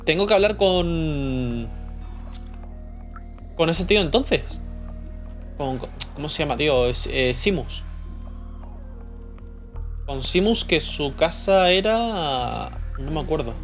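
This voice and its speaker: A man's voice: a little high, expressive, slow, pauses often. A young man with a Spain Spanish accent, casually commenting on a game he plays, joking, swearing and muttering to himself. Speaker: streamer. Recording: slightly dull lo-fi sound with faint music.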